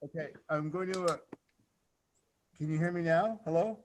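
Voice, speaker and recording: A man's voice: on the high side, normal speed, a little hiss or hum. A middle-aged man speaking on a video call that keeps dropping out, politely apologizing and checking whether he can be heard. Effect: call dropping out over a bad connection. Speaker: resident giving public comment. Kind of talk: public comment at an online hearing.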